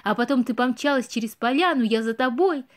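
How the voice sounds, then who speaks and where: A woman voicing a brave, passionate young male deer in a storybook reading, with eager, loud exclamations. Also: fairly high pitch, fairly quick, close to an everyday voice. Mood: fond.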